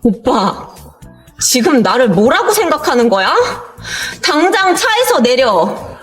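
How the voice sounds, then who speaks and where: A woman's voice: sits high, big pitch swings, takes it slowly, faint music behind, full character voice. A young woman acting a furious, imperious character in an audio drama, demanding and emphatic.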